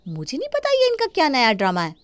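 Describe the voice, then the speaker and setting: A woman voicing a sharp-tongued young daughter-in-law who talks back sarcastically, in an animated story. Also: sits high, fast, no echo. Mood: defiant.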